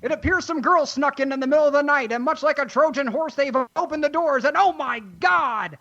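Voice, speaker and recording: A man's voice: very high-pitched, fairly quick, sharp tone, dull audio, pitched above the performer's own voice, exaggerated voice. Man doing a breathless old newsreel announcer. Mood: breathless urgent. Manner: breathless urgent news-flash delivery. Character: excited 1940s male newsreel announcer. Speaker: podcast co-host.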